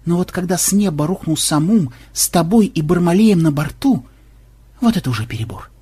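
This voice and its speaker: A man voicing a stubborn, brash male programmer who barks commands in a husky voice. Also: fairly high pitch, lively intonation, brisk, voice pushed up. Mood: rueful. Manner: loud barking commands.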